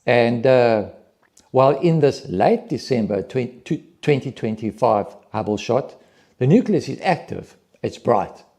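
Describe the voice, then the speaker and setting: A man's voice: medium pitch, lively intonation, measured pace, dark tone. A man hosting his own channel, talking through space images in a thinking-aloud monologue with hesitant restarts. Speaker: channel host analysing images. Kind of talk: explanatory monologue over images.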